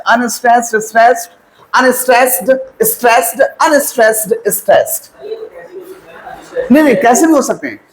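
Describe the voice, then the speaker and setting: A man's voice: extremely high pitch, fairly bright tone, roomy sound, rough recording. A male teacher giving a lesson, quizzing students and answering his own questions, mixing Hindi with English terms. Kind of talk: classroom lecture.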